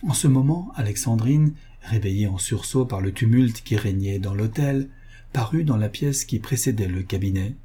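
A man reads a classic novel aloud in a steady, even way. His voice is very dark and mellow, with a husky edge. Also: lowish voice, normal speed. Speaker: audiobook narrator. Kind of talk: scripted narration.

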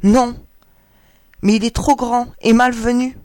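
A woman's voice: a little high, fairly even intonation, slow, darkish tone, no echo, clean studio sound, voice pushed up. A woman voicing spiteful pond ducks sneering at a newcomer, in a storybook reading. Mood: scornful. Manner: scornful, sneering.

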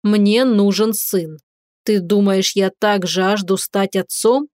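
A woman voicing a stern, commanding dragon man who heads a warrior clan, speaking in a measured, lecturing way. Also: mid-range voice, fairly even intonation, a little mellow, no echo, studio quality, close to an everyday voice.

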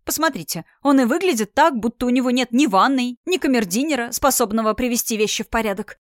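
A woman's voice: a little high, expressive, fast, dry recording, studio quality, lightly acted. Woman voicing a theatrical, defiant young lady. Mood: indignant. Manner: theatrical, stubborn, then sharp and hissing.

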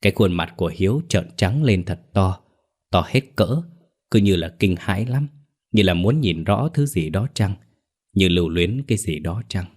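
A man narrating a ghost story in a steady, measured way. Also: sits low.

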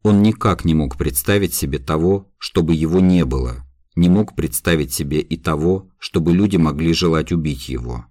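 A male audiobook narrator reads classic prose at a measured, somber pace. His voice is extremely low and deep. The recording is dry and close, with no room sound. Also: a little mellow, dry recording. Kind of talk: scripted literary narration.

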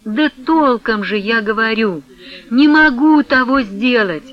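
A man voicing a timid, reluctant young man who speaks quietly with deep sighs, in a radio reading. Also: lively intonation, measured pace, muffled recording. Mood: protesting. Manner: quiet, sighing, half-whispered.

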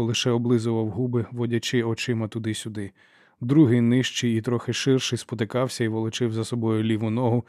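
A man narrating a fantasy novel as an audiobook, in a steady, even storytelling manner. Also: mid-range voice, no room sound, studio quality.

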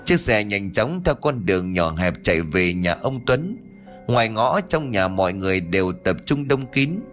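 A man's voice: on the low side, sing-song, moderate pace, fairly bright tone, soft background music. A man narrating a ghost story expressively and voicing all the characters. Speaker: audiobook narrator.

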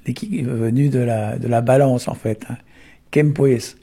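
Man, gravelly voice, husky tone, unhurried explainer, tag words throughout. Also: mid-range voice, fairly even intonation, dark tone. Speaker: Breton language explainer. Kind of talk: explanatory talk on word origins.

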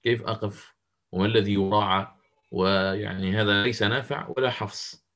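A man's voice: fairly low pitch, fairly even intonation, normal speed, fairly bright tone. A man teaching Quranic recitation in an interactive online lesson. He explains the rules step by step and quizzes his students as he goes.

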